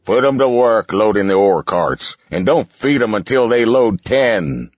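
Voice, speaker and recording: Storybook villain, sneering mine boss read by a man, deep slow drawl, muffled sound. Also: lively intonation, dry recording. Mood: menacing. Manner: slow, gloating, menacing. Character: scheming, sneering male mine boss, adult. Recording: dull, muffled recording.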